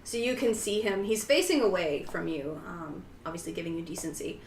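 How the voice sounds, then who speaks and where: A woman's voice: on the low side, lively intonation, a little fast. A woman narrating as game master in a casual, rambling way, recorded in a roomy space on a distant mic with faint hiss.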